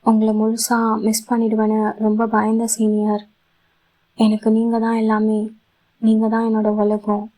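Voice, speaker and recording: An emotional young wife from a romantic audio story, soft and pleading as she clings to her husband, as a woman reads her. Her voice is fairly high and held level, with a narrow pitch range. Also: monotone, measured pace, lightly acted.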